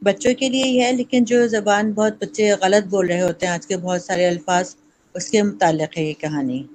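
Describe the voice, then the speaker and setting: Woman calmly reading a kids story to an online group, mid pitch. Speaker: story writer, forum participant. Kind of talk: reading a children's story aloud.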